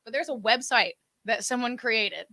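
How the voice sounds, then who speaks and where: A woman from West Virginia and South Florida co-hosts a casual livestream in a room with cameras and lights, chatty and giggly and using "like" a lot. Her voice is on the high side, bright and forceful, at a normal speed, recorded dry.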